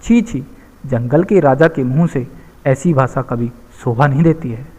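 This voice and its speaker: A man's voice: medium pitch, unhurried, a little mellow, slightly rough. A man voicing a boastful tiny female fly who scolds and taunts, read aloud as part of a storybook lesson. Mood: prim scolding. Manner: taunting, scolding in a prim lecturing tone. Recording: long hall reverb.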